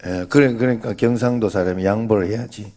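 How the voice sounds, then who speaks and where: Joking Korean pastor with a low voice. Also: male voice, brisk, mellow. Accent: Gyeongsang Korean. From Gyeongsang region, Korea. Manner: joking, chatty, leads the congregation in greetings. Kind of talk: sermon with playful banter.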